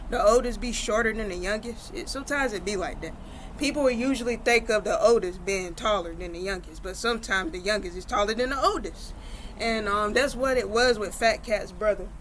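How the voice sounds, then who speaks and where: A woman's voice: medium pitch, a bit bright, slight background noise. A woman telling a story casually, rambling along with many fillers and restarts.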